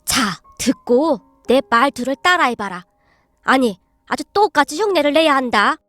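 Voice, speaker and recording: A shrewd, outspoken elderly grandmother, as a woman narrator puts her on, who talks sharply and forcefully. The voice is fairly high. Light music runs underneath. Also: expressive, normal speed, no room sound, studio quality. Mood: instructive.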